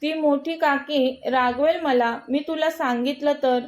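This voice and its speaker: A woman's voice: sits high, fairly even intonation, measured pace. A woman voicing a timid young girl who speaks hesitantly. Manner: hesitant, stammering.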